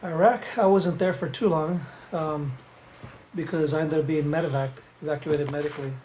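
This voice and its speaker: A man's voice: a little high, moderate pace, rough recording. A middle-aged father answering questions in a casual family interview and telling old stories with small chuckles. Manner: relaxed storytelling with chuckles. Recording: faint background noise with clicks.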